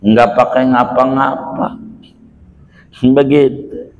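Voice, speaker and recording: Slow Betawi-accented man preaching in an echoey hall. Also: medium pitch, level tone, phone-quality sound. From Indonesia. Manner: slow, folksy preaching with sudden shouted peaks. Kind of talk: sermon. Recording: echoey hall, roomy reverb.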